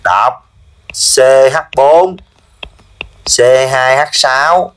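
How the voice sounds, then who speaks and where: A male chemistry teacher, drilling his class with repeated quick questions. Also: mid-range voice, animated, fairly bright tone. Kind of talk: classroom lesson.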